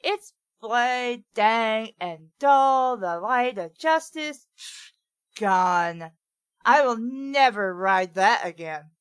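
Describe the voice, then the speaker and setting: A woman's voice: high-pitched, big pitch swings, slow, fairly bright tone, no echo, studio quality, heavily acted. A woman voicing a ditzy young Valley Girl mourning at a grave, drawling and sing-song. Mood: mock-mournful.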